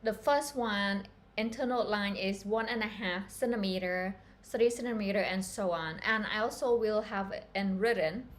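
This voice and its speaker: In a mid-range voice at normal speed, a woman from Cambodia talks her viewers through pattern making. She's a fashion pattern-making instructor, and the live-stream lesson is chatty and sincere.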